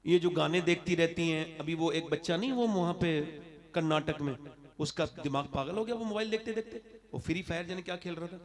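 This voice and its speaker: A man preaching a fiery religious sermon to a gathering, moving from quiet asides to impassioned shouting and firing rhetorical questions at the crowd. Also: a little high, fairly quick.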